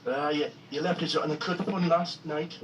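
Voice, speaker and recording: A man's voice: a little high, steady tone, moderate pace, soft background music. A man calling into a live stream with a tinny voice, as if in a tin can, casually chatting and repeatedly checking whether he is heard. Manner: repeats himself checking the connection. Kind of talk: casual chat. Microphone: video call. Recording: tinny, distant video-call audio with heavy noise.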